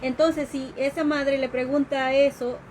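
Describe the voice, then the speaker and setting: A woman educator giving an informal live-streamed talk, explaining slowly and carefully, with fillers and restarts. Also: high-pitched, little pitch movement, darkish tone, a little hiss or hum, low-quality recording. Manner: explanatory, with fillers and restarts, acts out quoted questions.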